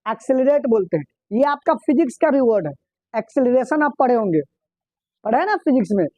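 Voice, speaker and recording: A man's voice: extremely high pitch, animated, a little fast, darkish tone, dry recording. A male teacher giving a classroom vocabulary lesson, asking the class questions, repeating the answers and spelling words out letter by letter. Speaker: English teacher. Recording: dull, dry lo-fi recording.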